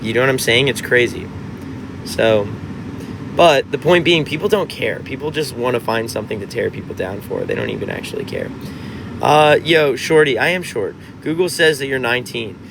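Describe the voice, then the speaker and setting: A man's voice: medium pitch, animated, moderate pace, creaky, background noise. A man in his twenties, a musician chatting casually on a livestream, reading out comments and rambling with frequent restarts. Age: 20s.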